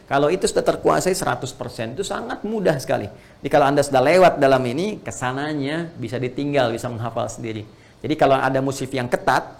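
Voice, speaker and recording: A man's voice: mid-range voice, creaky, slight background noise. Man teaching Quran reading patiently. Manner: explains patiently, demonstrates letter sounds, often checks with "ya". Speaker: Islamic teacher.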